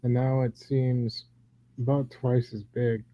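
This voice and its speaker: A man in a casual group call, his voice muffled and dull, speaking in a halting way with restarts. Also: mid-range voice, little pitch movement. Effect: muffled, dull audio.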